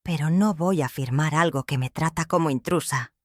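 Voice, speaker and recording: A woman voicing a young wife in a storybook drama, firm and quietly hurt. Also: deep voice, moderate pace, no echo, clean studio sound, lightly acted.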